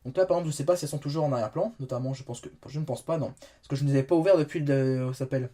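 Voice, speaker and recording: A man's voice: mid-range voice, rapid-fire, warm tone. A young man talking through a phone review in a casual, rambling way, often correcting himself as he demonstrates features on screen. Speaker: tech reviewer. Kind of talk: casual spoken product review.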